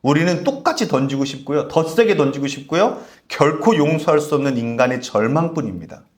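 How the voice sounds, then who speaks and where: A man's voice: on the high side, lively intonation, a little fast. A man preaching a sermon as pastor, calling out to the congregation and asking for amens. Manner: call-and-response preaching, repeated "amen?". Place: church sanctuary. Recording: echoey church hall.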